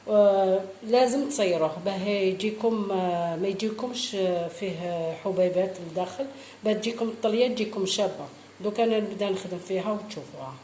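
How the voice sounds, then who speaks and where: A woman's voice: medium pitch, dark tone. A middle-aged woman with an Algerian Arabic accent, who hosts a baking channel and talks viewers through each step of a recipe, repeating her instructions. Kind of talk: cooking tutorial. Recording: echoey room with faint noise.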